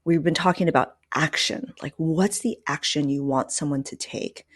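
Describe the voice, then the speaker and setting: A podcast host with a low-pitched voice at a moderate pace chats casually and candidly, offering advice. She often drops in "like" and "you know."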